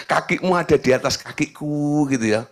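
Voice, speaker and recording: Animated preaching man. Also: medium pitch, measured pace. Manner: animated preaching with jokes and playful mimicry. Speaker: pastor. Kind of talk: sermon.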